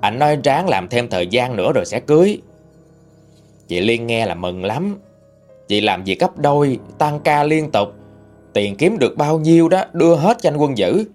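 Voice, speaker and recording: A man with a Southern Vietnamese accent narrating a true-life story in an expressive, gossipy way. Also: mid-range voice, moderate pace, faint music behind.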